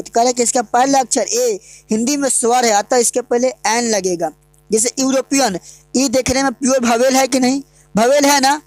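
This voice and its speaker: A woman's voice: on the high side, darkish tone, no room sound. A woman teaching English grammar in an online lesson, asking the class questions and answering them herself.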